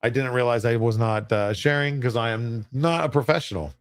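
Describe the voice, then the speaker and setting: A man announces giveaways on a livestream in a casual, off-the-cuff way. His medium-pitched voice is recorded dry and close, and he comes across as chatty and self-deprecating. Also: brisk, no echo.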